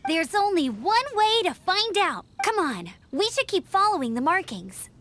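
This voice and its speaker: A woman playing a spirited, earnest young female scout knight in a video game, brisk and eager. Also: extremely high pitch, big pitch swings, fairly bright tone, faint music behind, heavily acted. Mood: urgent, eager.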